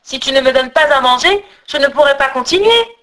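A huge, hungry storybook eagle that calls out insistently, its voice pitched high and loud. A woman reader performs it. It bounces around the scale and never lets up on its demands. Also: animated, fairly quick. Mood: hungry, pleading.

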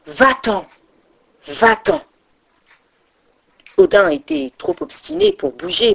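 A woman storyteller narrating a myth in an expressive, dramatic reading. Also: on the high side, creaky.

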